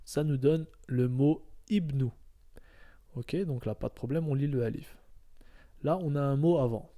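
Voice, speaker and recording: A man's voice: mid-range voice, measured pace, mellow. A man teaching Arabic reading step by step, patient and repetitive, often checking in with his listeners. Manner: patient, repeats each step, checks with "d'accord?". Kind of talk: step-by-step lesson.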